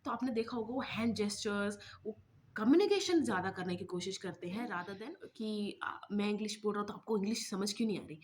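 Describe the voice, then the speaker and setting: A woman's voice: mid-range voice, expressive, fairly quick, slight background noise. Chatty woman vlogging. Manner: chatty, mixes English words into Hindi, many fillers. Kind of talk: casual talking-head vlog.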